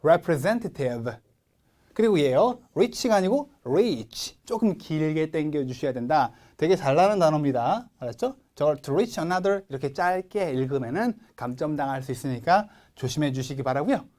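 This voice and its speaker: Animated Korean-accented male teacher. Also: on the high side. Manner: emphatic, drills pronunciation by reading words slowly for repetition; asks questions and answers them himself. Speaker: English test-prep teacher. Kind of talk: recorded lecture.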